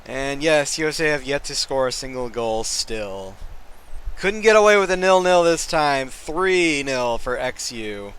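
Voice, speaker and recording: A man's voice: mid-range voice, very animated, unhurried, fairly bright tone, clean tone. A tired, yawning man giving casual, joking commentary over a live-streamed football game, with rambling asides. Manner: jokey, rambling asides, laughs often. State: sleepy, yawning.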